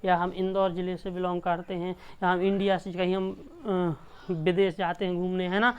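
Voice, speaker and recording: A woman's voice: lowish voice, flat delivery, normal speed, darkish tone, clean tone, highs cut off. A woman from India teaching a math class, explaining patiently and repeating each point with check-ins to the students.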